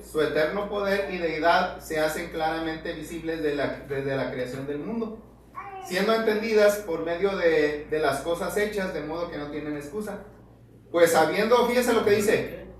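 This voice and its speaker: A man leading a church Bible study, reading verses and checking in with the congregation constantly. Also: sits high. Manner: keeps asking "verdad?", addresses the congregation as brothers, reads scripture aloud. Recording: echoey hall from far off, faint noise.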